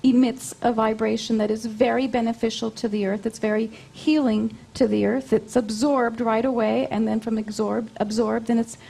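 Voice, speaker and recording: A woman's voice: fairly high pitch, little pitch movement, moderate pace, creaky, few pauses, dark tone, breathy edge, low-quality recording. A woman being interviewed, explaining things conversationally and often repeating her phrases as she goes. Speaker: interview guest, spiritual channeler.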